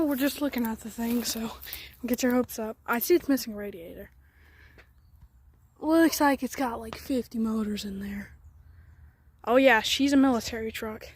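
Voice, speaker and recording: A woman hosting a casual walkaround vlog outdoors in the woods. She rambles in a chatty way and sometimes drops to near-whispers. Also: on the high side. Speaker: garage channel host. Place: outdoors in woods by an old truck.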